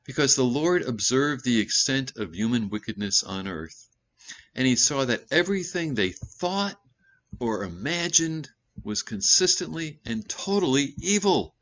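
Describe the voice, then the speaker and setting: A male pastor giving a conversational sermon, breaking into loud emphatic bursts and correcting himself as he goes. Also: mid-range voice, measured pace, muffled recording. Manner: animated preaching with sudden loud emphatic bursts; conversational asides and self-corrections.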